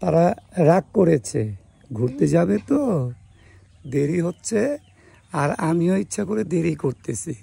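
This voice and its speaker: A man chats playfully with his daughters. His voice sits fairly high yet sounds dark and mellow, with a heavy gravelly fry and a husky edge. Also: sing-song, slow pace, pauses often, no echo. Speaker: father and vlogger. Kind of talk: casual family vlog.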